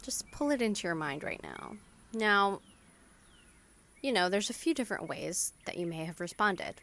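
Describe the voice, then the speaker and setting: A young adult woman hosting a podcast, talking through a calm guided meditation in a soft, soothing, reassuring way. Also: medium pitch, normal speed, creaky. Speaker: podcast host.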